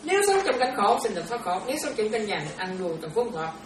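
A nun gives a relaxed dharma talk, chatting with her disciples and keeping them engaged. Her mid-pitched voice sounds distant, as if the mic sits across an echoing room. A steady background noise runs beneath her words. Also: fast. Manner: chatty, keeps checking listeners follow. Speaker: Buddhist nun teaching disciples. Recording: roomy, distant, noisy room recording.

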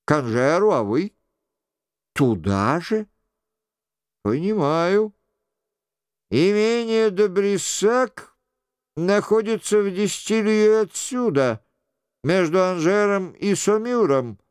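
A man's voice: sits high, animated, slow, long pauses, smooth, no room sound, studio quality. A man doing a cheerful, ringing dashing nobleman. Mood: jovial. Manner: ringing, jovial.

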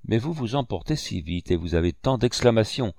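A man voicing a calm, shrewd gentleman doctor in a storybook reading, measured and questioning. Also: on the low side, vocal fry, no room sound, clean studio sound.

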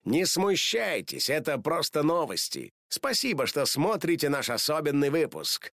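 A man's voice: fairly high pitch, very animated, unhurried, fairly bright tone, no room sound, studio quality, voice pushed up, full character voice. A man reading a storybook aloud, voicing a slick, gloating villainous woman who anchors the TV news.

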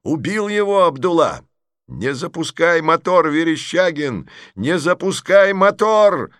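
A man voicing a desperate soldier yelling a warning from inside a tank. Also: mid-range voice, lively intonation, measured pace, vocal fry, husky, no room sound, clean studio sound, pitched above the performer's own voice, heavily acted. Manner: shouting.

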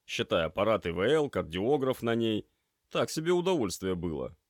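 A man's voice: on the low side, big pitch swings, normal speed, no echo, studio quality, voice pushed up. A man voicing a tired, grumpy young male paramedic trainee who talks in a weary, grumbling way.

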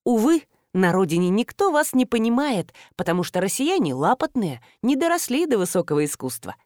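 A woman's voice: mid-range voice, big pitch swings, a little fast, a little mellow, no room sound, studio quality. A woman narrating an audiobook in the first person, in a wry storytelling manner.

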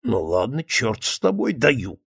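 A level-headed doctor reasons calmly and grumbles a little, as a male reader puts him on. His voice carries a gravelly texture in a close, dry recording. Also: fairly high pitch, a little slow, no echo, exaggerated voice. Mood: reasoning. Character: sober, mildly irritated male doctor friend. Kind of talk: audiobook character reading.

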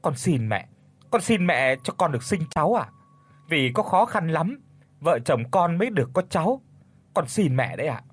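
A man voicing a frightened young pregnant wife in an audio storybook, with a trembling, tearful, pleading manner and a husky tone. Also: a little high, very animated, normal speed, no echo, voice pushed up.

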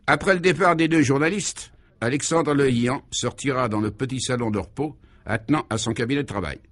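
A man narrates a comic radio serial in a dry, measured way. He reads as scripted storytelling, at an even middle pitch.

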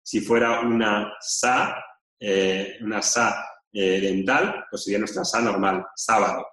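A man, lecturing a class in a halting way with many fillers and self-corrections, chanting Sanskrit words slowly. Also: lowish voice, fairly even intonation, fairly bright tone, roomy sound. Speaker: teacher.

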